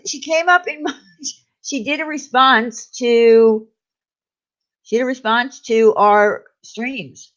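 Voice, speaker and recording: Slow and chatty, a New York woman runs a livestream, reading viewer comments in a relaxed live chat with a mid-range voice. She rambles and laughs readily, and the audio is dull lo-fi.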